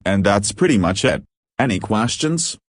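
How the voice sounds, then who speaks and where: A man voicing a formal, speechy president in an animated cartoon. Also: on the low side, moderate pace, noisy background.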